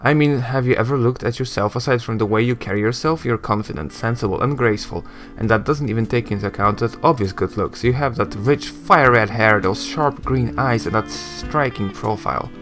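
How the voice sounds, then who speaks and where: A man's voice: mid-range voice, fairly quick, fairly bright tone, faint music behind, close to an everyday voice. A man reading the lines of a blunt, scarred immortal hero in a game, in a plain, earnest way.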